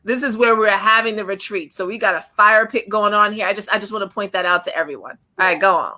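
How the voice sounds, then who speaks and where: An excitable woman co-host in a casual livestream chat, cheering others on and cracking jokes. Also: mid-range voice, fast.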